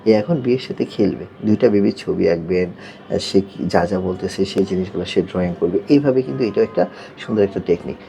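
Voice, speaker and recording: Gravelly low-voiced therapist man. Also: a little fast, mellow, lo-fi sound. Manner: patient, repeats "yes" and checks "okay?". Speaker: occupational therapist. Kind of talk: explaining techniques to parents.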